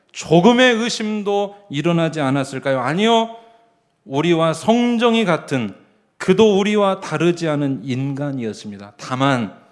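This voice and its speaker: A middle-aged man, a senior pastor, preaching a Sunday sermon in a church, telling a story in hushed tones and then building to emphatic calls. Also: on the high side. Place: church sanctuary.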